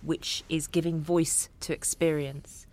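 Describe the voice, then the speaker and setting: A woman's voice: sits low, level tone, unhurried, darkish tone. A woman hosting a panel discussion, asking probing questions and searching for words. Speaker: host.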